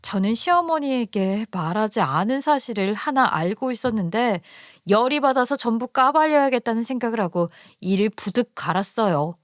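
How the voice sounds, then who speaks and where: A woman's voice: a little high, expressive, normal speed, no echo, clean studio sound. Woman narrating an indignant story.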